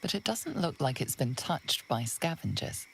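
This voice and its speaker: Gravelly hushed fantasy narrator. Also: female voice, extremely low pitch, sing-song, normal speed, noisy background, full character voice. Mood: ominous. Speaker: game narrator. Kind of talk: scripted second-person game narration. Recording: game audio with faint insect ambience.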